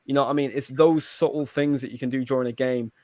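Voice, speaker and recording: Fast-talking man arguing football opinions. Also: medium pitch, steady tone, mellow, dry recording, studio quality. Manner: fast, earnest, stumbles on restarts. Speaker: podcast panelist. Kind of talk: casual football chat.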